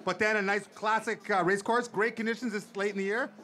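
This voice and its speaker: Hyped-up man in his forties, bright voice. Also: sits high, fairly quick. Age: 40s. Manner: hyped up, excitable. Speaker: event guest and crowd hype man. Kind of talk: casual live event chat. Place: outdoor ski event.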